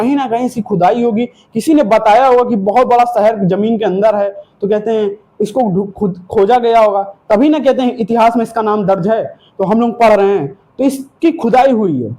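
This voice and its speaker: A man's voice: very high voice, dark tone. A male teacher giving an exam-prep history lesson, telling it as a story and asking and answering his own questions.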